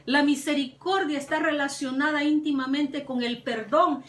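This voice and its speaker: A woman's voice: high voice, steady tone, normal speed. A woman preaching a sermon with fervor, her voice climbing on the words she stresses. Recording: echoey room, mic at a distance.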